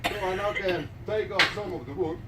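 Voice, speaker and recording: A middle-aged Dutch clog maker with a Dutch accent and a high-sitting voice jokes and chuckles through a live craft demonstration in an indoor workshop. He speaks at a moderate pace, and the room is echoey with heavy background noise.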